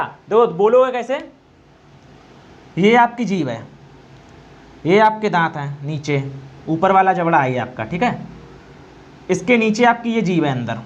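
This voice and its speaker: A male teacher giving an exam-prep grammar lesson, quizzing students, repeating answers and slowly demonstrating sounds. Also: high voice. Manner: quizzing, repeats answers, asks "okay?" often. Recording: dull lo-fi recording.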